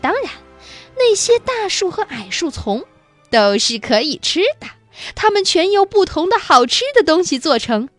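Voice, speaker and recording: A flamboyant, eccentric candy maker shows off his wonders, voiced by a woman reading a storybook. His voice rides high and swoops with showy exclamations and coaxing invitations. The sound is close and dry, with faint music behind. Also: sing-song, unhurried, a bit bright, no echo, heavily acted.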